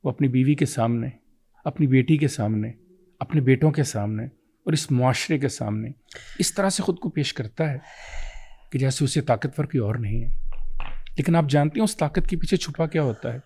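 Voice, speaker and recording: A man's voice: mid-range voice, lively intonation, gravelly, mellow, slightly rough. A man with a Pakistani Urdu accent, speaking as a guest, delivering an emotional, preacher-like monologue full of rhetorical questions. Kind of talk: emotional oratory on fathers.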